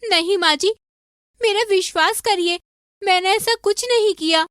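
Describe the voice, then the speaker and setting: A woman voicing a meek, poor young daughter-in-law in an animated story, pleading and submissive. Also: very high voice, a little slow, no echo, studio quality.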